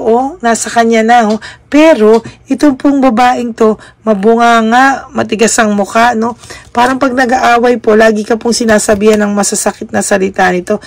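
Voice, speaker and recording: A young adult woman reads tarot cards for her listener, speaking politely and slipping English terms into her Tagalog. Her voice has a gravelly, fry-edged texture. The sound is close and dry, with little room around it. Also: medium pitch, dry recording. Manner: polite, adds a questioning tag after nearly every phrase; mixes Tagalog with English words. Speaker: tarot reader. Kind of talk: tarot reading monologue.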